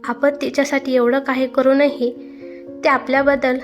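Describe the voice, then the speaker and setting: High-voiced woman narrating a story. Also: level tone, moderate pace. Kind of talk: scripted narration of a family story. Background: faint background music.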